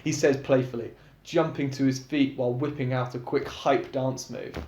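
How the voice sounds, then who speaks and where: A man's voice: medium pitch, fairly even intonation, moderate pace, darkish tone. Chatty man reading his own story. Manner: casual, chatty, laughs between chapters. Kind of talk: storytelling narration with asides. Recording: echoey room.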